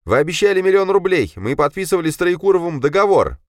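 A two-faced young man talks smoothly, but his words carry a mocking, jittery edge, as a male reader acts him out. The voice is lively in pitch, with bursts of urgency. It is a dry, close studio read. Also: moderate pace, no room sound. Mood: nervous. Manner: mocking, then jittery and demanding. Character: treacherous, nervous young man, a mage.

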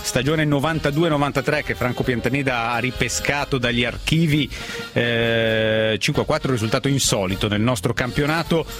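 A man's voice: mid-range voice, normal speed, fairly bright tone, soft background music. A man hosting a live sports radio phone-in, talking in a wry, loosely phrased monologue.

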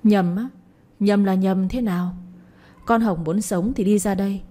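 A woman voicing an older village mother who furiously shouts curses and accusations at her neighbors. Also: mid-range voice, fairly even intonation, measured pace, lightly acted.

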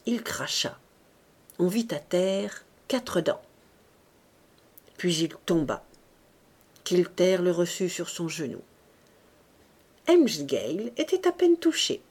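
Woman audiobook narrator, deliberate, expressive, lively pitch, unhurried. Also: husky. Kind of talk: literary audiobook reading.

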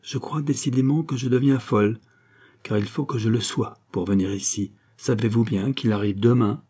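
Sentimental fake countess coaxing her lover, man reading her, dark husky voice, storybook. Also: mid-range voice, moderate pace, natural voice.

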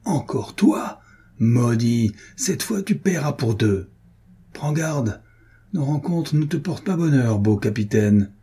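A burly, red-bearded male villain captain who taunts and threatens, as a male audiobook reader puts him on. His voice is raspy and breathy, pushed higher than a plain reading. The timbre stays dark. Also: animated, takes it slowly, heavily acted. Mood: menacing. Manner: menacing, taunting.

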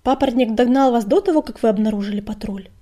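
A woman voicing a stern female cat clan leader who speaks in a calm, firm way in a storybook reading. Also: fairly high pitch, fast talker, close to an everyday voice.

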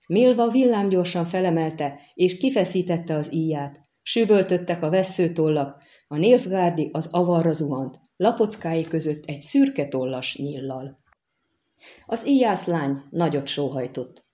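A woman narrating a fantasy novel with steady storytelling. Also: low-pitched. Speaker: audiobook narrator. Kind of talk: scripted narration.

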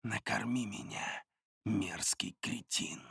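A man voicing a hungry, vicious spirit bound in a knife, in a low rough whisper, for an audiobook. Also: slow pace, fairly bright tone, no room sound, clean studio sound, exaggerated voice. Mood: menacing.

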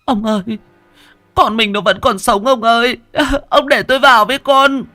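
A man's voice: extremely high pitch, steady tone, normal speed, pushed and bright, dry recording, voice pushed up. A man voicing a grieving mother, crying and frantic. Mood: distraught.

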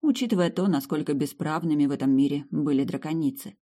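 A woman narrates a first-person audiobook in a calm, even storytelling manner. Her voice is low and mellow, with an unhurried, warm evenness. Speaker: audiobook reader.

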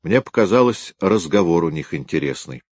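Man doing a brisk young field detective. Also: sits low, expressive, darkish tone, no room sound. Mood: reporting.

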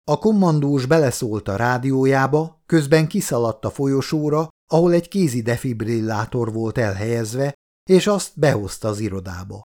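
A man reading an audiobook in scripted narration, with a steady, even delivery. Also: medium pitch.

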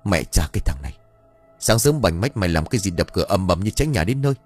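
A man voicing a stern, gruff male household master in a spoken story. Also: fairly low pitch, lively intonation, fast talker, soft background music. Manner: gruff and scolding.

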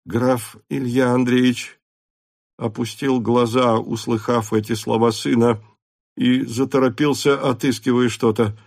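A man's voice: mid-range voice, flat delivery, unhurried, darkish tone, no room sound, clean studio sound. Man reading a classic novel aloud. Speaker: audiobook narrator. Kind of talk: literary audiobook narration.

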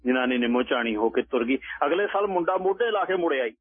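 A man narrating a folk story on the radio in a lively, colloquial way. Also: medium pitch, quick pace. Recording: tinny phone-like radio line.

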